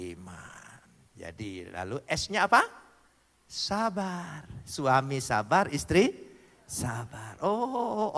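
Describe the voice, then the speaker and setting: A male pastor preaching a sermon with animated, playful delivery, spelling out words letter by letter and swinging between loud and soft. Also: sits high, long reverb tail. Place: church hall.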